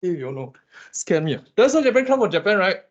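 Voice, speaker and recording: Teasing Malaysian lecturer, lo-fi sound. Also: male voice, sits high, quick pace. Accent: Malaysian English. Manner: animated, teasing, quizzes the class. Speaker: economics lecturer. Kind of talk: classroom lecture.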